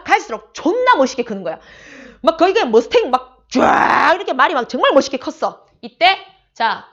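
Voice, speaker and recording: Lady teacher telling a classic story, slangy and lively, kinda high voice, muffled audio. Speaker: Korean literature teacher. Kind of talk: casual exam-prep lecture.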